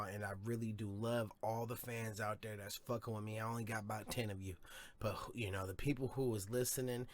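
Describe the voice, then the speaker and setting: A man's voice: lowish voice, a bit bright. A man hosting his own podcast in a rambling, profane, hyped-up monologue. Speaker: podcast host. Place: home studio or car, smoking a blunt.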